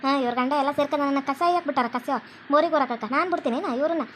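A woman with a North Karnataka Kannada accent voices all the female characters in a home cartoon, delivering them dramatically and with scolding. Her voice is high-pitched, racing, and fairly bright, with slight background noise.

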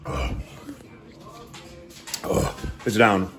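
A man's voice: deep voice, very animated, drawn-out words, a bit bright, a little hiss or hum. A man co-hosting a casual pepper-eating vlog, drawling and suffering from a very hot pepper. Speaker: co-host of a pepper eating channel. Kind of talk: casual chat.

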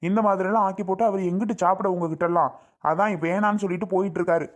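A woman's voice: mid-range voice, fairly even intonation, very fast, dull audio, natural voice. A woman playing an exasperated grown son. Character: grown son scolding his mother, exasperated. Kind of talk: family comedy skit.

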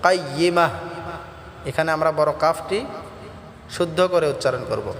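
A man's voice: fairly high pitch, expressive, a little slow, fairly bright tone, echoey room, big-room sound, slight background noise. A man teaching Quran pronunciation, patiently explaining each sound step by step.

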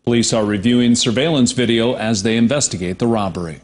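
Man, news anchor, scripted news read, even mid pitch. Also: quick pace.

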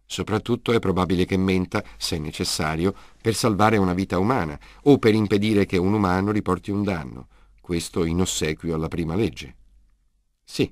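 A man reads a humanoid robot in a storybook, deep and steady, courteous and logical, explaining things in measured sentences. The sound is close and dry with no room around it. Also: no room sound, lightly acted. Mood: reasoning. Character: calm humanoid male robot, polite and logical. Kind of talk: audiobook character reading.

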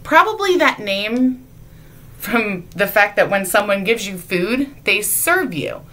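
A woman's voice: mid-range voice, expressive, slow pace, a bit bright. A woman giving a playful children's object lesson in church, teasing and asking her young audience questions. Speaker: children's sermon leader. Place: church sanctuary.

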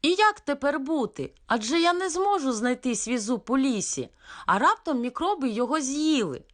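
A woman voicing a boastful little male tiger cub in a storybook reading, with a high, excitable voice. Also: normal speed. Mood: worried.

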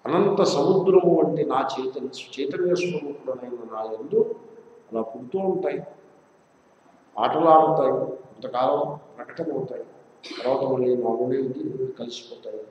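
A man giving a scripture discourse, asking and answering his own questions and chanting verses slowly. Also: a little high, darkish tone, slight background noise. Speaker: spiritual teacher. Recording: distant, echoey hall, dull lo-fi.

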